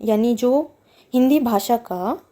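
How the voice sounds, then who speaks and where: A woman's voice: on the high side, slow, warm tone. A woman teaching a Japanese lesson, patiently reading words and explaining each one with repetition and translation.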